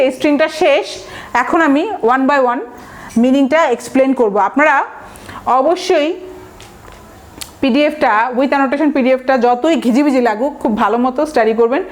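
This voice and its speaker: Female vocabulary tutor, high voice, patient step-by-step explanations, spells words out. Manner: explains slowly, spells words letter by letter, mixes English examples. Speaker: vocabulary teacher. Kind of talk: recorded vocabulary lesson.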